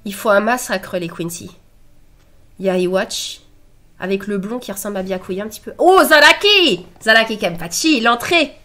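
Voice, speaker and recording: Nasal, stuffy-nosed woman reacting excitedly. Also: mid-range voice, normal speed. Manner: excitable, exclaiming and laughing between read-out subtitles. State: stuffy nose from a cold. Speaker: anime reaction host.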